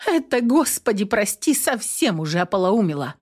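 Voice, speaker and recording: A woman's voice: mid-range voice, big pitch swings, normal speed, darkish tone, pitched above the performer's own voice. A woman voicing an indignant elderly neighbor who scolds and complains.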